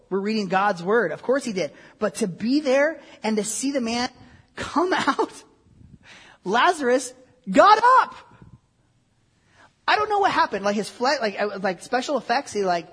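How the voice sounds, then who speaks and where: A woman preacher delivering a lively sermon. She acts out the scenes and asks the listeners questions. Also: mid-range voice, husky. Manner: animated, acts out the scenes with big shifts in loudness.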